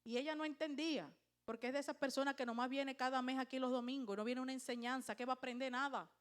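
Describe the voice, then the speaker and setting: High-voiced woman preaching emphatically. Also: fairly even intonation, fast talker. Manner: emphatic preaching with questions to the congregation. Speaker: pastor. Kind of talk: sermon.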